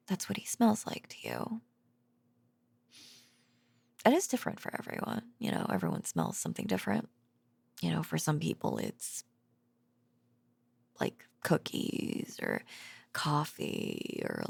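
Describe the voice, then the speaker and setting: Speaking at a fairly low pitch, a woman fully inhabits the role of a sleepy, bashful, affectionate girlfriend, a researcher back from work, in a bedtime roleplay. She murmurs softly and breathily, sometimes whispering or creaking, in a musing, playful mood that stays hesitant, rambling, giggly and tender. The recording is close-miked and dry with no room sound.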